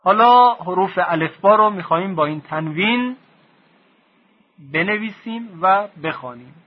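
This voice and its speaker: Male recitation teacher, husky and a little high, patient repetitive lesson delivery on a dull lo-fi tape. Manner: slow, repeats definitions, drills sounds aloud. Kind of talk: recorded lesson.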